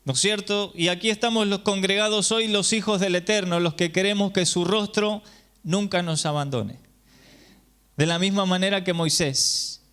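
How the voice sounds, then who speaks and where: A man's voice: high-pitched, steady tone, moderate pace, fairly bright tone, smooth. A man preaching to a congregation, explaining patiently and checking in with listeners through rhetorical questions. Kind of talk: sermon teaching. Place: congregation gathering.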